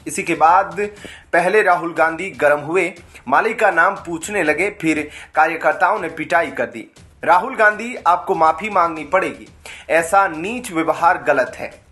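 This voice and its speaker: A man reading a scripted news voice-over in a steady, formal newsreader manner. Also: fairly high pitch, unhurried, faint music behind. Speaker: news narrator.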